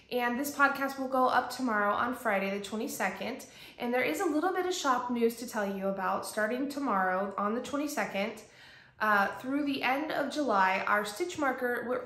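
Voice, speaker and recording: A woman's voice: a little high, a bit bright. A woman in her forties hosting a casual podcast, chatty with many ums, recorded in a bare room that sounds echoey. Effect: echoey empty room. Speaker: podcast host and shop owner. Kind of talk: casual chat. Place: empty home office with bare walls.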